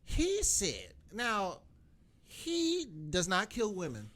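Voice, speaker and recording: A man co-hosting a podcast in casual chat, talking in a lively, joking way and acting out quotes. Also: high-pitched, slow pace. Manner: animated, laughing, acts out quotes. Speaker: podcast co-host.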